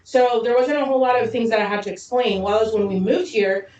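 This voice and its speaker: A woman from Zambia co-hosting a podcast, telling stories quickly and lively with frequent laughs. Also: on the high side, dull audio, slight background noise. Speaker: podcast co-host. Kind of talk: casual chat. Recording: roomy echo, distant mic.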